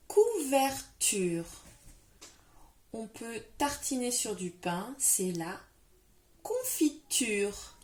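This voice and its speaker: A woman's voice: mid-range voice, darkish tone. A woman teaching a phonics lesson to young children. She stretches and stresses the final syllables of words. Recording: echoey room.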